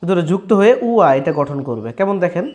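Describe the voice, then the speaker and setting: A man teaching in a relaxed, spoken way. His voice sits somewhat high. He repeats and rephrases every point slowly and keeps checking that his listeners follow. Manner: checks in often with "clear, brother?". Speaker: language teacher. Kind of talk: casual spoken lesson.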